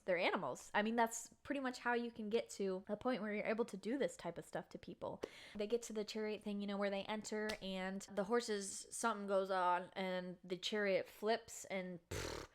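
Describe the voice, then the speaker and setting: A woman talking casually to her camera in a chatty, slangy spoiler review of a book. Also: mid-range voice. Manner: chatty, slangy, animated storytelling. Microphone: camera mic.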